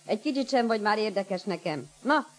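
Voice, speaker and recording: An actress voicing a rude, slangy robot nanny in a radio play, dismissive in every line. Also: female voice, mid-range voice, expressive, soft background music, natural voice. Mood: scornful.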